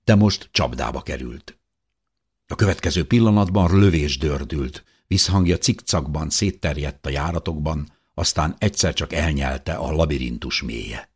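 A middle-aged man reading a first-person audiobook in a tense, expressive storytelling manner. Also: a bass voice, slightly rough. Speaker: audiobook reader.

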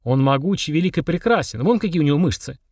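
A man's voice: on the high side, animated, fast, a little mellow, no echo, studio quality, far from the mic. A man voicing a cheeky schoolboy who talks bluntly with slang. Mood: awed.

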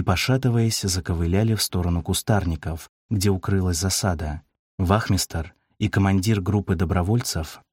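Low husky male narrator, dry. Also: a little mellow, no echo. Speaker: audiobook narrator. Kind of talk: scripted narration.

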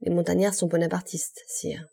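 A woman's voice: on the low side, level tone, moderate pace, vocal fry, warm tone, husky, heavily acted. A woman reading an eager, deferential prosecutor. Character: zealous young male royal prosecutor.

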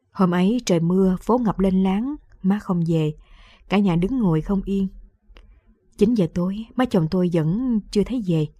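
Woman reader, mellow tone, dry close studio sound, wry radio storytelling. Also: medium pitch, no room sound. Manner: lively storytelling, wry and conversational. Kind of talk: scripted first-person story narration.

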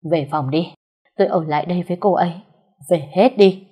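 A woman's voice: fairly low pitch, fairly quick, husky. A woman voicing a devoted young husband who pleads tearfully with his dying wife in a storybook reading. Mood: curt. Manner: tearful pleading, soft murmuring at night.

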